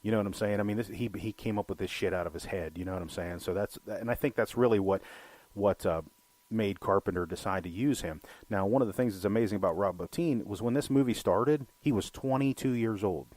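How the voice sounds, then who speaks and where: A man's voice: on the low side, brisk, darkish tone, dry recording. A man co-hosting a film podcast, rambling and swearing freely, with lots of "you know". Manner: rambling, profane, heavy use of "you know". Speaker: podcast co-host. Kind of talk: casual film chat.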